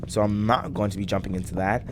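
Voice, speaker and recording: A young man with a groggy morning voice giving rambling, halting commentary while playing a game, full of fillers and restarts. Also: on the low side, fairly even intonation, background noise. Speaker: gaming channel host. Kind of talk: casual let's-play commentary.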